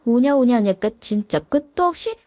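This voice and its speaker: A woman's voice: on the high side, lively intonation, normal speed, warm tone, no room sound, natural voice. A woman voicing a spiteful, arrogant young sister-in-law who sneers and talks down to others. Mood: sneering. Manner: sneering, condescending.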